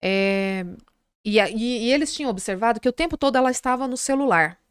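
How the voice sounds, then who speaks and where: A middle-aged Brazilian woman with a somewhat high voice tells a story on a podcast, acting out each person in it. Her delivery is animated and chatty. The sound is close and dry, with no room. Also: fairly quick, clean tone, no echo. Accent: Brazilian Portuguese. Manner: animated retelling with quoted voices. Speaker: podcast guest, psychologist. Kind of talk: casual podcast conversation, storytelling.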